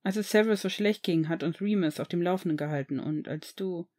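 A woman reading the lines of a cheerful, friendly young man who runs a shop, in a gentle, reassuring tone. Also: fairly low pitch, fairly quick, close to an everyday voice. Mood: earnest.

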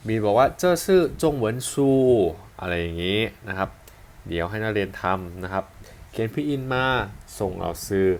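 A man's voice: low voice, moderate pace, creaky. Patient Thai male language teacher. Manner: patient, repeats and spells out example sentences. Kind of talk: online language lesson.

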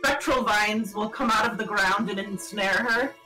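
A woman's voice: medium pitch, moderate pace, bright, forceful tone, soft background music, rough recording. A woman playing a tabletop game, describing her moves casually and hesitantly as she thinks aloud. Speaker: player.

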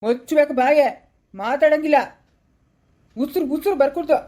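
A woman with a rural Karnataka accent, playing a harsh in-law who scolds loudly in a family drama skit. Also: high-pitched, normal speed, natural voice. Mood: scolding. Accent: rural Karnataka Kannada. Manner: scolding, loud and cutting.

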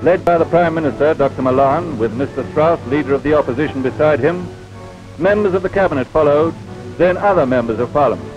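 A man narrates an old 1950s newsreel in a formal, measured way. His voice sits a little high and comes through a dull, lo-fi soundtrack. Clear music plays behind him. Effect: old 1950s newsreel recording.

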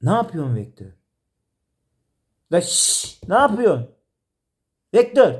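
A man's voice: high-pitched, very animated, slow pace, a little mellow. A man directing a comedy sketch, teasing and exasperated, laughing often. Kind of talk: playful directing banter.

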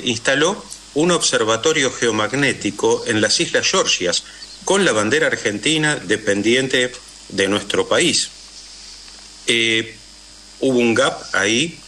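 A man's voice: lowish voice, bright, forceful tone, a little hiss or hum. A man with a Rioplatense Spanish accent, a guest in a radio interview, telling historical stories with frequent "eh" and "este" fillers.

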